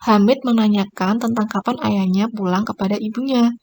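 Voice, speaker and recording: A woman's voice: mid-range voice, fairly even intonation, a little fast, a little mellow. A woman teacher giving a recorded grammar lesson, explaining each point and pointing at examples on screen. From Indonesia.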